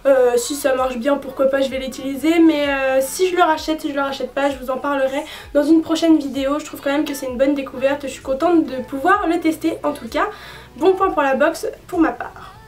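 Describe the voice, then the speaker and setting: A woman's voice: sits high, fairly quick, recorded from a distance. A young woman reviewing beauty products in a casual, frank way, with many fillers and restarts. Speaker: beauty vlogger.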